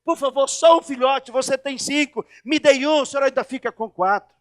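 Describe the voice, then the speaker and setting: A man's voice: very high-pitched, a little fast, fairly bright tone, dry recording. A man voicing a sly, scheming female fox in a sermon story, pleading and then threatening. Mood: wheedling.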